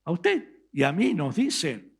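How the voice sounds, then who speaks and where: A man with an Argentine Spanish accent, preaching a sermon as pastor and retelling a scripture story with emphatic, dramatic pauses. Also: fairly high pitch, huge pitch swings, creaky, slightly rough. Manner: reads scripture aloud slowly.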